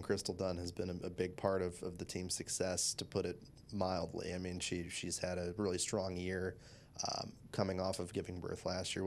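A man's voice: sits low, slight background noise. A man asking a coach questions at a press conference, hesitant with plenty of fillers. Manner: hesitant, filler-heavy phrasing. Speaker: reporter.

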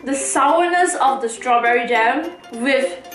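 High-voiced woman talking with her mouth partly full. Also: slow pace. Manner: expressive, exclaiming and groaning. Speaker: vlogger. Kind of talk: casual food-tasting vlog. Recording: echoey room with loud music behind.

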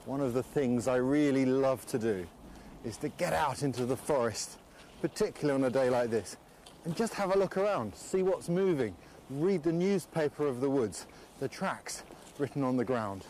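A middle-aged man with an English accent explains wilderness skills in a measured, friendly way. He is recorded outdoors in a snowy forest on a clip-on mic, with faint ambient noise underneath his voice. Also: medium pitch. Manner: calm, explanatory, enthusiastic about nature. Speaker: wilderness presenter. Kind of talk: documentary narration and outdoor explanation.

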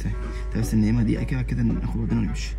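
A man's voice: on the low side, steady tone, very fast, gravelly, music in the background. A young man with an Egyptian Arabic accent, talking casually and sounding exasperated, repeating his questions. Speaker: vlogger husband. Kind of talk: casual vlog conversation.

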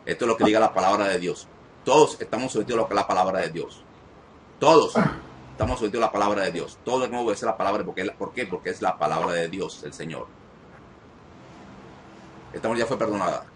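Commanding low-voiced man in prayer. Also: very fast, slight background noise. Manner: commanding, repetitive, rising to shouted commands. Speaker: deliverance minister. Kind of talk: live deliverance prayer.

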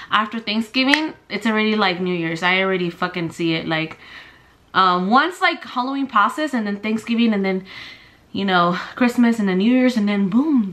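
A woman's voice: medium pitch, a bit bright. A woman in her twenties chatting casually through a get-ready-with-me makeup routine, full of "like" and "dude", a little out of breath. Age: 20s. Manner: chatty, filler-heavy with "like" and "dude". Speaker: family vlogger.

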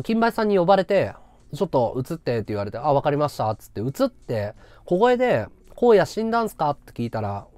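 A man's voice: fairly high pitch, a little mellow, no echo. A man chatting casually on his livestream, rambling and muttering to himself as he works out figures. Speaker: live streamer.

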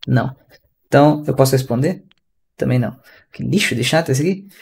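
A Brazilian man with a mid-range voice leads a relaxed online English class. He talks in a loose, slangy, ranting way, heard through a video call mic. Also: mid-range voice, brisk, gravelly, husky. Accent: Brazilian Portuguese. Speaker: English teacher.

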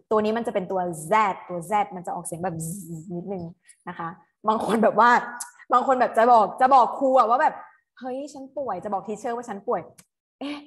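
Coaxing woman teacher tutoring English. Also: a little high. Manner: patient, coaxing, mixes English terms into explanations. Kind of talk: online English exam tutoring.

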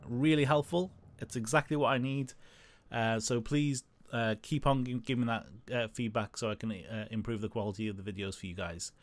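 A man's voice: mid-range voice, brisk, hardly any pauses, dry recording. Hesitant man hosting game commentary. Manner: hesitant, many fillers, thinking out loud. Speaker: gaming channel host. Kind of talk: casual gameplay commentary.

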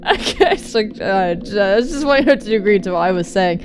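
With music behind her, a young woman reads a visual novel aloud in let's play commentary, peppering it with jokes and swearing. She speaks at a normal speed in a sing-song, medium-pitched voice.

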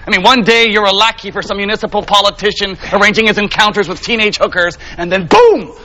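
An actor playing a defiant male defendant who mocks the court in a sarcastic, ranting way that breaks into shouts. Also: high-pitched, lively intonation, fast, rough recording. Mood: mocking. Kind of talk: TV drama acting.

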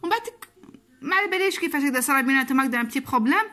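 A woman's voice: sits high, expressive, very fast, sharp tone. A woman with an Algerian Arabic accent chatting casually to camera in a vlog, repeating phrases for emphasis. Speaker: vlogger.

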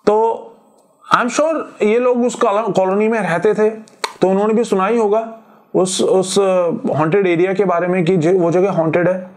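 A man from India relaxedly retells a listener's ghost encounter in a high, light voice. He thinks aloud as he goes, pausing on fillers and restarting phrases. The delivery is conversational rather than scripted. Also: fairly even intonation, a little mellow. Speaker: horror story narrator. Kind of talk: casual retelling of a listener's story. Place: Delhi.

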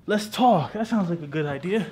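A man's voice: high voice, lively intonation, moderate pace, a little mellow, slightly rough. A man in his twenties chatting casually to camera, drunk and getting drunker, rambling loosely in slang. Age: 20s. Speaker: video creator. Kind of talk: casual vlog chat. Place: living room at home, later phone clips.

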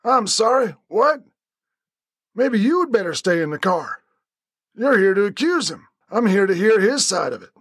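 A man voicing a stubborn young man who protests indignantly, his voice pitched well above his own. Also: big pitch swings, measured pace, a bit bright, slightly rough, no room sound, studio quality, exaggerated voice.

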